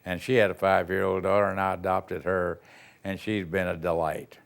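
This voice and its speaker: This older Texas man, once a band director, gives reminiscing interview answers full of rambling, folksy stories and chuckles. His gravelly voice sits low with little pitch movement, delivered at a moderate pace.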